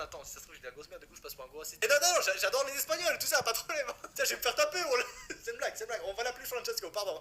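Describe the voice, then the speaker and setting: A Frenchman with a high-pitched, bright, forceful voice narrates a creepypasta casually over background music. He tells the horror story while cracking jokes and tossing sworn asides to the viewer.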